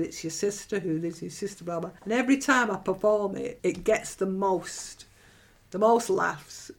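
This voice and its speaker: A woman's voice: lowish voice, gravelly. A middle-aged woman poet talking candidly and bluntly about her writing, with many restarts and frequent laughter. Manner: blunt, chatty, frequent restarts and self-corrections; animated, laughs often. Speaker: writer and performance poet. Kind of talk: candid personal monologue.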